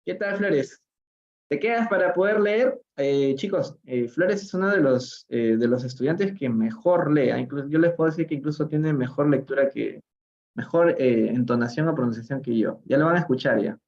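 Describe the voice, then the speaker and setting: His voice fairly high and a little mellow, with the highs cut off by a phone or computer mic, this Peruvian-Spanish-accented man streams an English reading lesson. He reads phrases in a slow, drawn-out way, naming viewers and posing questions.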